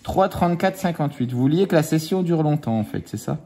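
Playful man with a lively voice. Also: a little high, a little hiss or hum. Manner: playful, teasing, drawn-out number counting. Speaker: scratch-card vlogger. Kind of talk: casual chat while scratching lottery tickets. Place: at home with his children nearby.

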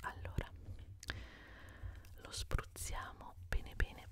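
Slow whispered role-play, soothing female beautician acted by a woman. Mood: soothing, attentive. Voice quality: breathy, unvoiced whisper. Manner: soothing, slow, reassuring, fond diminutives. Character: gentle, attentive female beautician pampering a client. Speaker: ASMR performer. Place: indoors at a desk, close up. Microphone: desktop condenser microphone with foam cover, very close.

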